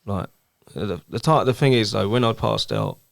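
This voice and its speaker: Halting, gravelly low-voiced man. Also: big pitch swings, no room sound, studio quality. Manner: hesitant, halting, many restarts. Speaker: guest. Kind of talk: candid personal talk.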